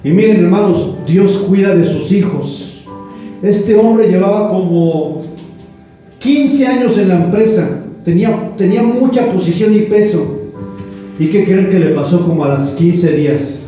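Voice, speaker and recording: Pastor, male, high voice, preaching in a very echoey church from a distant mic, soft music behind. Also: a little slow, dull audio. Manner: storytelling with rhetorical questions to the congregation. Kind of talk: sermon. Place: church hall.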